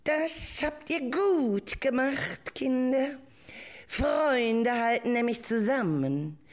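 Woman as slow, solemn wish-granting spirit for a kids' radio play, mid-high voice. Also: animated, a little hiss or hum. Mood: solemn kindly. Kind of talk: children's radio play acting.

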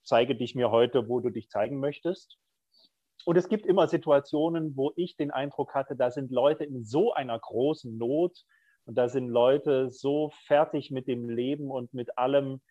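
On a podcast, a middle-aged man who works as a prison chaplain talks in a mid-range, slightly mellow voice. His reflective interview answers are candid and thoughtful but full of hesitations. The recording is dry and lo-fi.

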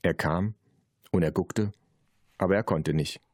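Ein Mann liest ein Kinderhörbuch vor, lebendig erzählend und trocken pointiert. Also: male voice, deep voice, measured pace, a little mellow, dry recording, studio quality. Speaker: Hörbuchsprecher. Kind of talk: Hörbuchlesung.

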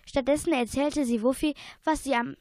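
A woman's voice: high voice, steady tone, normal speed, darkish tone, no echo. A young female narrator reading a youth radio play steadily, with small slips now and then.

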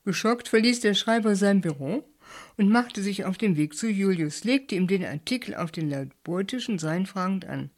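A woman reading a short story aloud in calm, measured narration. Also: medium pitch.

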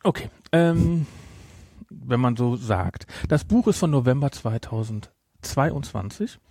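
A podcast host with a mid-pitched, mellow voice talks casually, haltingly, and with frequent self-corrections. His pitch swings widely, and the sound is dry with no room or echo.

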